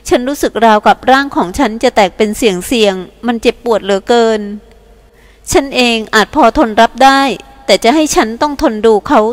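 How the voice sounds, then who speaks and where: A woman voicing a gentle alien soul living in a woman's body, speaking in soft sobbing pleas in an audiobook. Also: on the high side, moderate pace, big-room sound, close to an everyday voice. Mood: tearful pleading.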